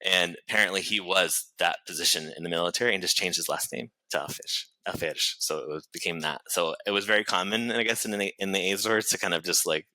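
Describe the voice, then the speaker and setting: Low, bright-voiced American man chatting. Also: fast, hardly any pauses, no echo, low-quality recording. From United States. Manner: chatty and rambling, with many filler words and small laughs. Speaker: podcast guest. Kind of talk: casual conversation.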